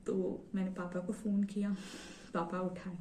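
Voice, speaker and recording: A woman's voice: on the low side, little pitch movement, warm tone, slight background noise. Eager young woman, roomy and distant. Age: young adult. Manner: eager, quick retelling with many fillers. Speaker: vlogger sharing her exam story. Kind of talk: casual personal storytelling. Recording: roomy echo, set back from the mic.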